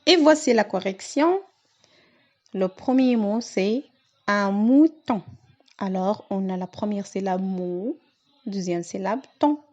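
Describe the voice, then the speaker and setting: A woman teacher going through a reading lesson for young children, speaking slowly and carefully and stretching out the key words. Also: medium pitch, darkish tone. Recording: dull lo-fi sound.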